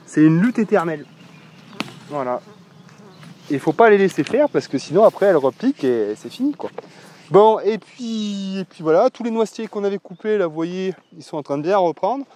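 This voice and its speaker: A man with a high, expressive, slightly mellow voice talks fairly quickly while vlogging a walk around his rural land. His casual, salty commentary is loose, packed with fillers and the occasional curse, and recorded on a foam-windscreened mic.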